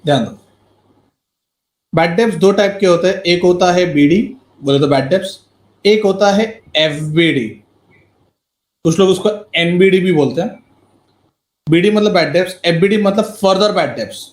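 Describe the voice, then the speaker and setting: High-voiced teacher, echoey room. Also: male voice, normal speed, pauses often. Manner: mixes Hindi and English, quizzes students by name. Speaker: accountancy teacher. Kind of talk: live online class lecture. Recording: roomy echo.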